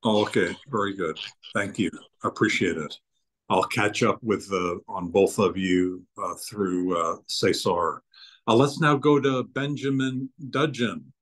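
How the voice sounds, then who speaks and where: A man hosting an online networking meeting, introducing members in a friendly, halting way over a video call. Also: fairly low pitch, fairly bright tone, poor audio.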